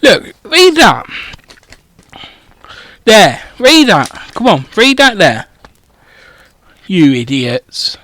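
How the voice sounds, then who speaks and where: A man's voice: high voice, wildly swooping pitch, extremely slow, pauses often, sharp tone, no room sound, exaggerated voice. A know-it-all teenage witch scolds her friends with plenty of swearing, played by a man in a raised voice. Her tone swings widely and lands hard on her insults. The delivery is close and dry. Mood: bossy. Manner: bossy, exasperated, sweary.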